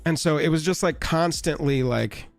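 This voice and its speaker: A man with a raspy, hoarse voice from being sick, hosting a casual live stream in a rambling, wry, offhand way. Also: on the high side, normal speed, soft background music.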